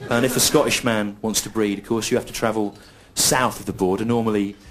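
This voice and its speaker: Casual: middle-aged guy doing dry deadpan stand-up into a stage mic, live club sound, clear noise behind him. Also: lowish voice, fairly quick. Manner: dry, deadpan, repetitive phrasing. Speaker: stand-up comedian. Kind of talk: stand-up comedy routine. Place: comedy club stage in front of a live audience. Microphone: stage microphone. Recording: live show recording with audible noise. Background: audience laughter.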